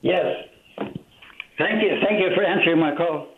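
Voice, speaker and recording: A man's voice: on the high side, measured pace, slight background noise. Give me a polite male radio caller from Canada, echoing through his speakerphone on a thin phone line. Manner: polite, grateful, hesitant with restarts. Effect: echo from a second device, speakerphone left on. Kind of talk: call-in radio question.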